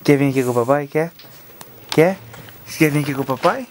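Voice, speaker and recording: A man's voice: a little high, brisk, a little hiss or hum. A father filming his baby at home in a bedroom, coaxing her in playful baby talk with chuckles. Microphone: phone camera held while filming.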